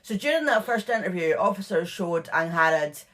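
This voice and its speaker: A woman's voice: lowish voice, animated, moderate pace, fairly bright tone. A woman co-hosting a true crime podcast, casually retelling case details with lots of fillers and asides. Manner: chatty, filler-heavy retelling of case notes. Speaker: podcast co-host.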